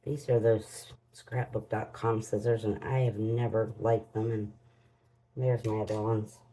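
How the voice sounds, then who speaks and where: A woman's voice: extremely low pitch, little pitch movement, unhurried, dark tone, slight background noise, rough recording. A woman hosts a casual crafting vlog, muttering to herself as she works in homespun phrasing. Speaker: crafting channel host. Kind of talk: casual unboxing and demo vlog.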